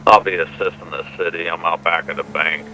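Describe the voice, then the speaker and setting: Very deep man over a police radio. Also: fairly even intonation, a little fast, noisy background. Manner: terse radio codes. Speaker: police officer in a roleplay.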